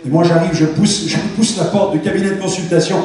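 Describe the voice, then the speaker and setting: A man's voice: sits high, steady tone, fast talker, a little mellow. A man giving a fervent, dramatic testimony sermon in a large church hall. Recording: echoey hall, distant mic.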